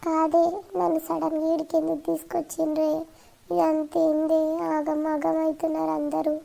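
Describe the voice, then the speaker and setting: A woman's voice: high voice, completely flat delivery, moderate pace, gravelly, dark tone. A woman voicing a sick, resigned mother in a cartoon, speaking with a Telangana accent in a weak way. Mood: fearful. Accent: Telangana Telugu.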